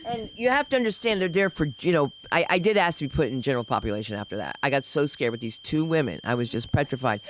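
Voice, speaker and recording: An older woman of Dominican heritage doing stand-up, telling a story with lots of exclamations and quick switches into other people's voices. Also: low-pitched, a little hiss or hum, low-quality recording. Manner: animated, shifts voices for characters, exclamatory. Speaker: stand-up comic. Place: comedy club open mic.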